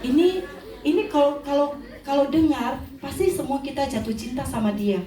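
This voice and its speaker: A high-voiced woman preaches through a story, animated and quick to question her listeners. She is heard from a distance in an echoey hall. Faint room noise sits underneath. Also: a crowd in the background. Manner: animated, acts out the characters, asks the audience questions. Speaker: seminar speaker. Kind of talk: sermon-style storytelling.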